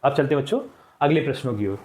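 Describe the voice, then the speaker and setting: Speaking very fast in a mid-range, slightly mellow voice, a man teaches children from a textbook. This school teacher works through the exercises one step at a time and patiently repeats every answer.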